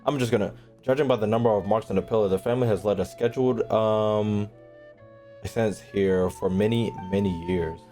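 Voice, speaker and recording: With game music in the background, a man streams gameplay and comments casually, swearing freely and now and then reading on-screen text out loud. His lowish, dark voice is a little fast and fairly even in intonation.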